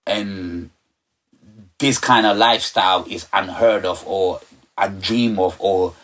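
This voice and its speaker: A middle-aged Ghanaian man, a sound system operator appearing as a guest, speaks slowly in a low, slightly bright voice. In this relaxed interview chat he rambles loosely and often says "you know."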